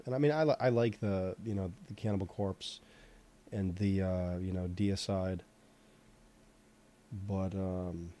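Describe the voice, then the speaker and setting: A man's voice: low-pitched, mellow. A man chatting casually while he sculpts on screen, rambling, with lots of "you know" and "like," and swearing now and then. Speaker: host sculpting in 3D software. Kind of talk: casual chat while working.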